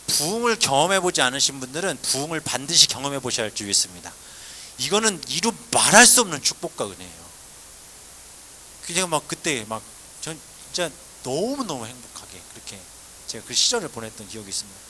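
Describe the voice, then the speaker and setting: With slight noise in the background, a male South Korean pastor who seems to be in his forties tells his own testimony in a sermon. His voice leans high and moves between loud exclaiming and soft asides.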